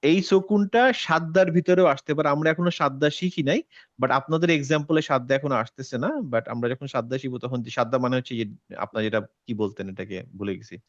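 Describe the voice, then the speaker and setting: A man's voice: mid-range voice, fast, no echo, lo-fi sound. A man teaching an online recitation class, patiently repeating words to drill pronunciation.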